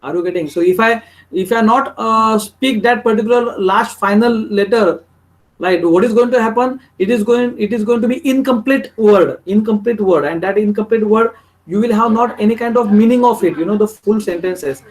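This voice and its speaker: A man with a Marathi-influenced Indian English accent, teaching German in a lecture and repeating phrases slowly, checking in with his students. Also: high-pitched, low-quality recording. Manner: repetitive, drills phrases aloud, keeps checking with "right?". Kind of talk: online language lecture.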